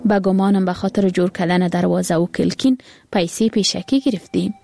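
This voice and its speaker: A woman's voice: on the low side, steady tone, creaky, warm tone. A woman voicing a worried, loving mother and wife, with an exclaiming, pleading manner. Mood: anxious.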